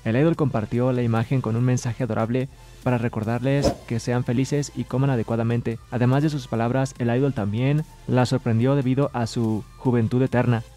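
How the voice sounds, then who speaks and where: A man's voice: medium pitch, steady tone, brisk, warm tone, faint music behind. A man reading entertainment news as a scripted voice-over, adding brief personal asides. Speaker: news presenter.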